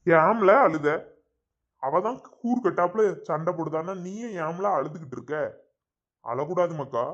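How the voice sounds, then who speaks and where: A man's voice: fairly high pitch, lively intonation, normal speed, a bit bright, dull audio. A man playing a lazy, drinking village husband who grumbles at his wife. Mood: coaxing.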